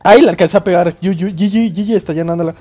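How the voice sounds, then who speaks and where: A man doing loud, excitable let's play commentary, swearing and yelping often. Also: sits high, racing, lo-fi sound, faint music behind. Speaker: gamer playing on video.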